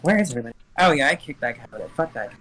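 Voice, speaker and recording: A man's voice: medium pitch, animated. Man on choppy call audio, volume dropping out. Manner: halting, laughing between actions. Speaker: player. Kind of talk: casual tabletop game play over a call. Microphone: online voice call. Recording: noisy online call with dropouts.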